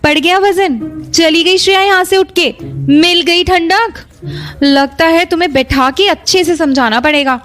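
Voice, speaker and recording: A woman's voice: extremely high pitch, normal speed, fairly bright tone. A woman playing a bossy, teasing young friend. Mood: scolding. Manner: teasing, scolding. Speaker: actor. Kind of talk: Hindi audio drama acting.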